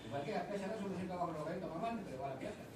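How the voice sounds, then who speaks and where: A man's voice: high voice, racing, a little mellow. A man chiming in from the congregation during a Bible class, offhand and joking. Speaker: congregation member. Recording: distant voice in a noisy echoey room.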